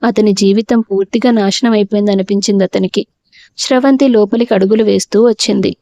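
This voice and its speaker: A woman narrating a family drama audio story in a steady storytelling voice. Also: mid-range voice, a little fast, dry recording.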